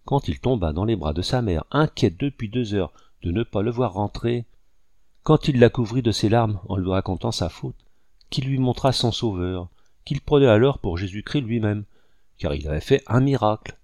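Male storybook reader: low, warm, mellow tone, calm and measured narration. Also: dry recording, clean studio sound. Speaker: audiobook reader. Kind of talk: scripted narration.

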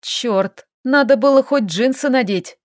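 A woman voicing a stubborn, feisty young heroine who bickers and exclaims in quick, sharp lines, read from an audiobook. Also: sits high, no room sound, clean studio sound.

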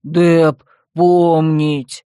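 A huge, fierce, childlike brute, put on by an audiobook reader barks short broken words in a rough, loud growl. The voice sits lower than plain narration and sounds rougher, with a dry, close sound. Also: level tone, drawn-out words, dry recording. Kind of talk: audiobook character voice.

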